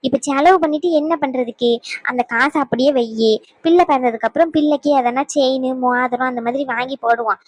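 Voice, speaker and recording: Woman voicing an older cartoon mother, caring, hesitant, motherly scolding, quick talk, dry sound. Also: high-pitched, no echo. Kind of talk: dubbed cartoon acting.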